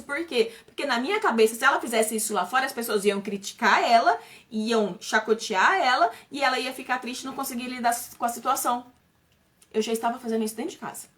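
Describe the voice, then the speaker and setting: Fast-talking woman in earnest personal talk. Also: on the high side, fairly bright tone. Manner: earnest and urgent, frequent restarts and repetition. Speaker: speaker on a live stream. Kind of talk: emotional personal talk to viewers.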